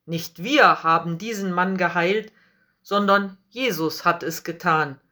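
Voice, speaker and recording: A woman's voice: lowish voice, unhurried, bright, forceful tone. A woman voicing the apostle Peter as a bold, earnest man in a storybook reading, speaking firmly. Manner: firm, earnest declaring.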